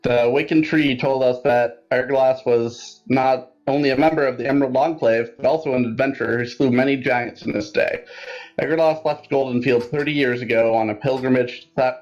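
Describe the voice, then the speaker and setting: A man's voice: medium pitch, fairly even intonation, normal speed, a little mellow. Dull-sounding male tabletop player reading aloud. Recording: band-limited, dull audio.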